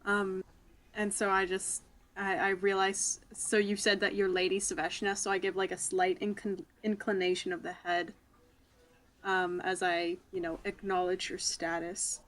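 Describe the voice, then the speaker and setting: A woman's voice: mid-range voice, level tone, moderate pace, a bit bright. A woman playing a tabletop role-playing game, talking in a chatty, hesitant way with many fillers. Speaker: player. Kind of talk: tabletop role-play session.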